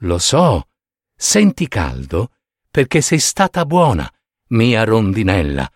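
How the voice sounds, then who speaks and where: A man voicing a sad, kind prince in a storybook, speaking softly and sorrowfully. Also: on the low side, wildly swooping pitch, takes it slowly, dry recording, studio quality, full character voice. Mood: tender. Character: sad, kind statue prince, gentle and giving.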